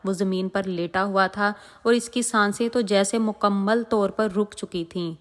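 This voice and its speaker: A woman tells a moral religious story in a dramatic, emotive way. Her voice sits at a middle pitch. A long, echoing reverb trails every phrase. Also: fairly even intonation.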